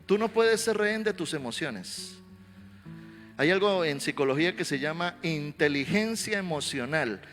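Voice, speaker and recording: A male pastor preaching a sermon, telling stories animatedly and swelling into loud exhortation. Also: fairly high pitch, animated, normal speed. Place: church sanctuary. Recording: reverberant hall with faint music.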